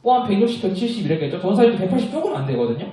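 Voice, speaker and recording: A young man tells a Bible story to children in an animated children's-sermon style, often stopping to ask them questions. His voice sits high and swings widely, with a mellow, soft edge. He is heard from some distance in an echoey church room. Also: very fast. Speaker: children's ministry preacher.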